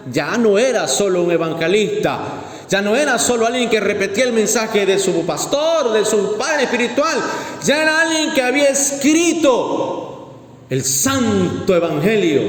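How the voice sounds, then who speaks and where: A man preaching a sermon to his church, lively and acting out the voices he quotes. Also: high voice. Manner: animated, acts out quoted voices, talks to the congregation. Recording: echoey hall, faint ambience.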